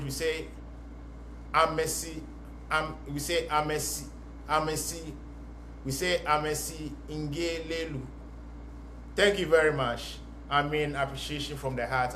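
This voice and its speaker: A man's voice: fairly high pitch, a bit bright, a little hiss or hum. Earnest Ghanaian man in an echoey room. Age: young adult. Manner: earnest, encouraging, preacher-like. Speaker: podcast host. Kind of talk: motivational podcast monologue. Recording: roomy echo with faint music.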